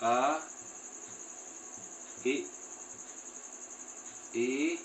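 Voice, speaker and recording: Slow, bright-voiced male grammar teacher. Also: mid-range voice, slight background noise, rough recording. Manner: patient, repeats and drawls vowel sounds, calls listeners friends. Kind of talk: Hindi grammar lesson.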